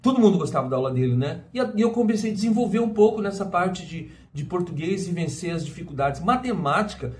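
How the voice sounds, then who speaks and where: A man's voice: high voice, animated, quick pace, few pauses, a little mellow. A middle-aged Brazilian man talking casually to camera, rambling with many restarts and tag questions. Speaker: vlogger. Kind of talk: casual personal monologue.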